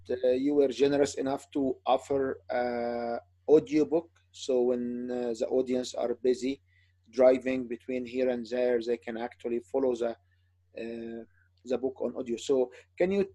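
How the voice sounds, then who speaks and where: Halting man host, mellow voice. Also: mid-range voice, steady tone, no room sound. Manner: halting, many fillers and restarts, encouraging. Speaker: interview host. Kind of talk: casual interview talk.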